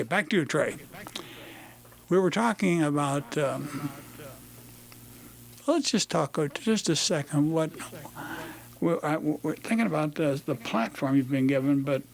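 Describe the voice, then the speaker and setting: A man hosting a radio talk show, interviewing guests in a casual, halting way with many fillers and restarts. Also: on the high side, creaky. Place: radio studio.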